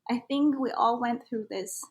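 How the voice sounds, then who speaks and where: A young Vietnamese woman, a native speaker with a Vietnamese accent, talks earnestly and reflectively as a guest in a casual podcast conversation, using many fillers. Her voice sits on the high side, unhurried, darkish in tone and slightly rough.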